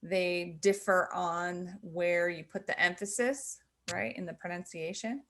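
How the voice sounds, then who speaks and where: A woman's voice: fairly low pitch, steady tone, measured pace, fairly bright tone. A middle-aged woman teaching a lesson, explaining patiently with fillers and self-corrections. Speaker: sign language teacher. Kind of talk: instructional explanation.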